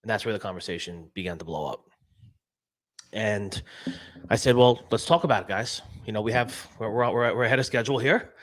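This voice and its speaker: A man hosting a casual live-stream talk show, animated and repeating himself as he restarts sentences. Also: fairly low pitch, brisk. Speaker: show host.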